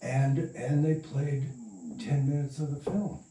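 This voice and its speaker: An older man being interviewed rambles through casual memories, speaking in a mellow, mid-range voice that stays steady and unhurried. Roomy echo suggests he sits away from the microphone.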